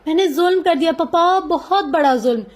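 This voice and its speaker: A woman's voice: extremely high pitch, moderate pace, voice pushed up. A woman voicing a young man in shock, muttering to himself with guilt, in a novel reading. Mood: stunned.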